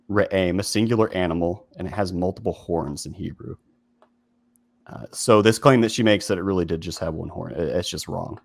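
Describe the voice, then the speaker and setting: A man's voice: low-pitched, darkish tone, dry recording. A man hosting a video essay in casual commentary, talking informally with lots of fillers and restarts.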